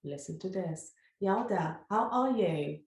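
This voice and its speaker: Deep gravelly woman hosting, echoey. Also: animated, a little slow, darkish tone. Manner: effusive, stumbles over words. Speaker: podcast host. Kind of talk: enthusiastic interview hosting.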